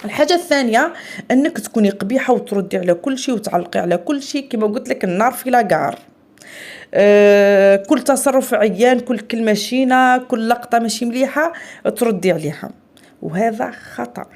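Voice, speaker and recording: A woman's voice: fairly high pitch, fairly quick, a little mellow. Blunt Algerian woman giving advice. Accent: Algerian Arabic. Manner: blunt, lecturing, keeps asking the listener to agree. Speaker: advice host. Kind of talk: direct advice talk to women.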